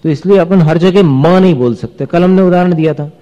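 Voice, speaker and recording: A religious teacher with a slightly high, dark-toned voice teaches a class to pronounce and recite scripture, chanting verses slowly, explaining each point and asking questions. The recording sounds dull, with long reverb from a hall.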